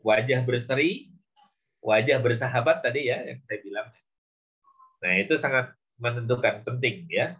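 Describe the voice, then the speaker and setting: A man lecturing on public speaking, with many short fillers and a measured, explaining manner. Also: medium pitch, husky. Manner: slow, with frequent "ya" and "gitu ya" fillers. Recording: dull lo-fi recording.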